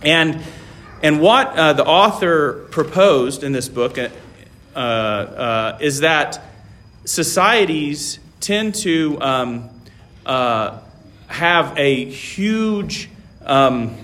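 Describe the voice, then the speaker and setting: A man raised in Taiwan gives an informal classroom lecture in a voice on the high side and a bit bright. He speaks haltingly, with many fillers and restarts, and often checks in by asking "right?"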